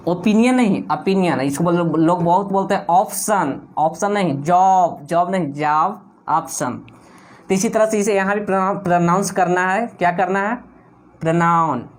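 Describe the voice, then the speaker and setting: A man gives an English grammar video lecture. He drills students by asking questions and answering them himself. He is insistent, and keeps correcting words slowly and repeating them. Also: high-pitched. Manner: corrective, insistent about pronunciation. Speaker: English teacher.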